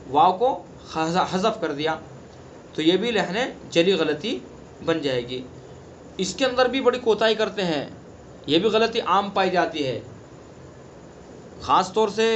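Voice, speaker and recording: High-voiced man teaching Quran recitation. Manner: explains rules plainly, then recites example words slowly and drawn out. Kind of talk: online tajweed lesson. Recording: dull lo-fi sound with faint background noise.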